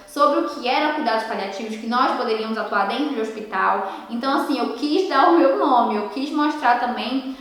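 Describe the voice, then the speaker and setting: A beauty therapist in her twenties from Ceará, Brazil, tells her story at an online conference in a high, animated voice, often tossing tag questions to the audience. The room she's recorded in is very echoey.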